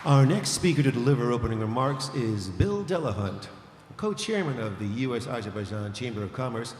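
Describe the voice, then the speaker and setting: A man's voice: mid-range voice, big pitch swings, brisk, a crowd in the background, noisy background. Man announcing speakers in an echoing hall. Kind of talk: formal introduction. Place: large conference hall. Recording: echoey hall with faint ambience.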